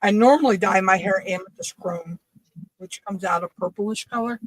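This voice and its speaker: A woman's voice: medium pitch, normal speed, no room sound, rough recording. A woman chatting casually as the host of a livestream. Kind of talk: casual chat.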